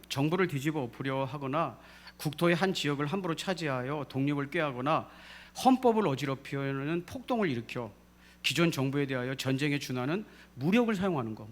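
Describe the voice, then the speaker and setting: A man's voice: fairly high pitch, fairly bright tone. A man pastor preaching a sermon in a church, drawing responses from the congregation and rising to emphatic peaks. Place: church sanctuary.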